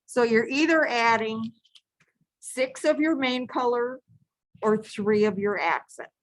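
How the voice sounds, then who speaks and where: A woman leads a live beading lesson from her craft table, talking slowly and calmly through each step. She repeats each instruction and now and then restarts a phrase. Her voice sounds close and dry, with no room echo. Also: fairly high pitch. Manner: patient, repetitive step-by-step instructions with self-corrections.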